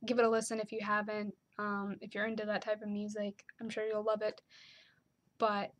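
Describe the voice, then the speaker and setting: A woman's voice: mid-range voice, monotone, moderate pace, a bit bright. A young woman chatting casually to her camera, with lots of "like" and "um" fillers. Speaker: vlogger.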